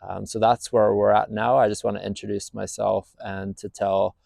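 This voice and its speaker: The recording is dry: a man in his thirties from Northern Ireland, fairly low-pitched and flat in delivery, speaks at normal speed with a creaky, slightly mellow sound. He shares his story as a business owner in a casual, plain-spoken way to camera, using lots of fillers.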